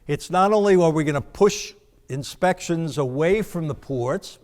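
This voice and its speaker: An American man delivers a keynote in front of an audience. His voice sits a little high and is clean and resonant, though his delivery is halting, with repeated words and pauses. The sound carries the long reverb of a conference hall. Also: lively intonation. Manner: halting, with frequent hesitations and repeats. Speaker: keynote speaker.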